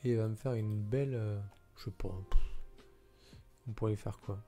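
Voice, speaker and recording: A man's voice: lowish voice, fairly even intonation, normal speed, dark tone, faint music behind. A tired man thinking aloud with hesitation as he edits a video at his computer. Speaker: video editor commenting his work. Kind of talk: casual screen-recording commentary.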